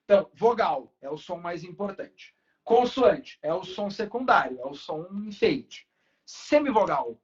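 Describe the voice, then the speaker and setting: Casual high-voiced teacher, lo-fi. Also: male voice, sing-song, measured pace. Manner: casual, talks to students with frequent tag questions. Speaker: Portuguese teacher. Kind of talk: online class lecture. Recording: dull lo-fi recording.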